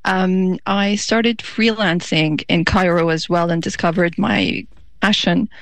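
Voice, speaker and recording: A woman's voice: fairly low pitch, steady tone, slow pace, no echo. A woman from Egypt, a journalist, answering interview questions thoughtfully with many ums. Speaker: journalist guest. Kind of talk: radio interview. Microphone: remote line.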